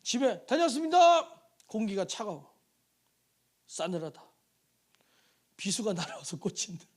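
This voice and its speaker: A male pastor preaching a sermon in a church, animated and storytelling, acting out quoted voices and putting questions to the congregation. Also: very high voice, normal speed. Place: church sanctuary.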